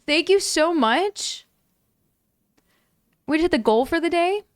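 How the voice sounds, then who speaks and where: This is studio-quality audio with no room sound: a young woman streaming games talks slowly and chattily to viewers. Long hours have lowered and roughened her voice slightly, though she still bursts into high, excited squeals thanking donors.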